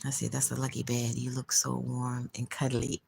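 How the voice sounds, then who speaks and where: With a bass, husky, breathy voice and completely flat delivery at a moderate pace, a young woman chats with livestream viewers from bed at home via phone camera. She's drowsy and murmuring, often dropping to a whisper, with sudden loud laughs; a little hiss or hum is audible.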